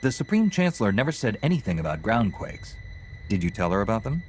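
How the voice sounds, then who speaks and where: An actor playing a calm, resolute heroic knight in a video game, speaking in a measured, assured and formal way. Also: male voice, lowish voice, slight background noise. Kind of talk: video game cutscene acting.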